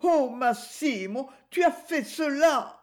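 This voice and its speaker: A woman's voice: fairly high pitch, sing-song, measured pace, darkish tone, voice pushed up. A woman reading aloud, voicing a young divorced woman, a former nightclub singer, in a raised, pleading voice. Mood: anguished. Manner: pleading, emotional.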